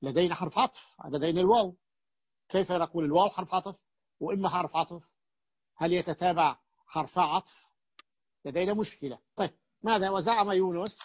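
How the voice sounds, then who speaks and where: A man with a fairly high voice teaches a grammar class, quizzing his students and circling back over each point with stop-start phrasing. The recording is dull and muffled, and the room is dry and close. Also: dry recording. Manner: questions the class and repeats points with halting restarts.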